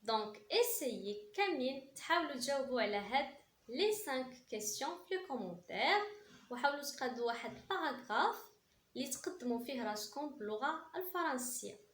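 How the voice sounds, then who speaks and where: A Moroccan woman teaching French to beginners, repeating each phrase slowly and emphatically, then adding quick asides. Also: high-pitched, lively intonation, fairly bright tone, echoey room, a little hiss or hum. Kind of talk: language lesson for beginners.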